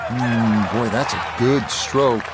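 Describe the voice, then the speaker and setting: A man working as a golf play-by-play commentator, calling putts and setting up each hole in a measured way. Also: medium pitch, over a noisy crowd, very noisy.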